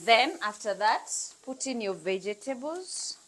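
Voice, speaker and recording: A Kenyan-accented woman in her thirties hosts a casual cooking demonstration in her bright home kitchen, chatting freely with viewers and mixing English with Swahili phrases. Her voice is a little high with big pitch swings and a measured pace, and there's a slight hiss or hum.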